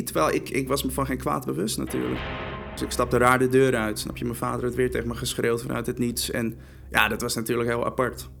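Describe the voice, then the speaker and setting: Young male interviewee, gravelly, halting documentary testimony with faint music. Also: medium pitch, a bit bright. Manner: hesitant, repeating words. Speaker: interviewee, son.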